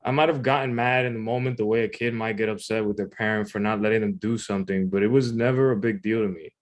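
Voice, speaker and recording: A man's voice: on the low side, fairly even intonation, fast. A man reading his own personal essay aloud in a conversational, informal way. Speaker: writer reading own submission.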